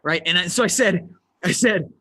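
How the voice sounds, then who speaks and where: A man giving a motivational online presentation as a business coach, energetic and emphatic, speaking straight to his audience through a computer mic. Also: high-pitched, normal speed.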